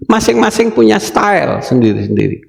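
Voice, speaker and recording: A man's voice: sits high, very animated, a little fast, gravelly. A man preaching a sermon as pastor, addressing the congregation directly. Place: church hall. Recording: echoey church hall with long reverb.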